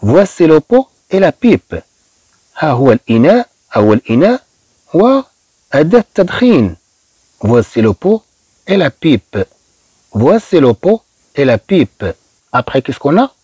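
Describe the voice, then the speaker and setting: A man with a Moroccan Arabic accent teaching beginner French, slowly and patiently repeating each phrase for learners. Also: mid-range voice, big pitch swings, warm tone, slightly rough, no room sound, low-quality recording. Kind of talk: beginner language lesson.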